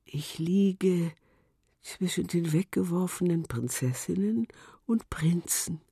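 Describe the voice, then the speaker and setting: A narrator voicing a magic seashell that whispers a slow plea for help in a storybook. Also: mid-range voice, creaky, dark tone, husky, no echo, clean studio sound, voice pushed up, exaggerated voice. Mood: pleading.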